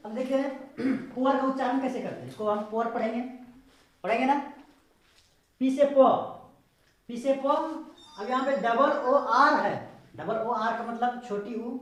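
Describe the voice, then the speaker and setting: A woman teaching English pronunciation, spelling words out slowly letter by letter and checking whether the viewer has understood. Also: a little high. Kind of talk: spoken English lesson explained in Hindi. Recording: very echoey room.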